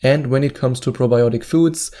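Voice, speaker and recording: A man with a German accent hosts a weight-loss advice video, speaking directly to camera. His voice is medium-pitched and warm at a moderate pace, and he repeats his key points with earnest emphasis.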